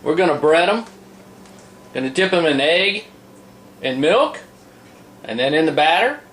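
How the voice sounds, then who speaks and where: A man's voice: on the high side, animated, unhurried, a bit bright. A man giving a casual, folksy, plain-spoken cooking demonstration as a home cook. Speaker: home cook presenting a recipe. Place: indoor kitchen with a running fan. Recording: roomy, noisy fan hum, distant mic. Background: fan noise.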